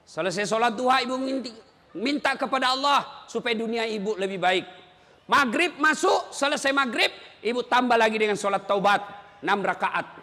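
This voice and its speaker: High, bright-voiced man preaching with humor. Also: moderate pace, long reverb tail. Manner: animated, joking, sometimes shouting. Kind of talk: humorous sermon.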